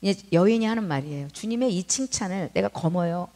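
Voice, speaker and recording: A middle-aged woman leads a sermon in a loose, conversational way. Her voice rises and falls widely as she talks, and she keeps turning to the congregation with quick checks for agreement. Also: on the low side. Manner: colloquial and animated, peppered with tag questions to the congregation. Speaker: mission leader and preacher.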